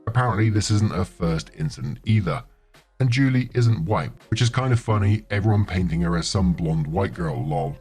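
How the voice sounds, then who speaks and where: This deep-voiced man narrates forum stories at a moderate pace, reading commenters' posts aloud in an even, conversational storytelling tone. The narration is scripted, and faint music plays underneath.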